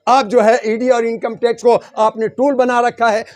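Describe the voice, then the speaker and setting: A man's voice: extremely high pitch, flat delivery, moderate pace, darkish tone. A man in a heated political argument, firing one rhetorical question after another. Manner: combative, fires rhetorical questions. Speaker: interviewee defending his views.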